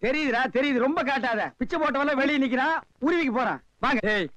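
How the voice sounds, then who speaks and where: A man's voice: very high-pitched, fairly bright tone. An actor playing a whiny, bossy male comic beggar in a Tamil film comedy, with a Tamil accent. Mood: lecturing. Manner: whiny, scolding, quick comic patter. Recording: dull lo-fi film audio.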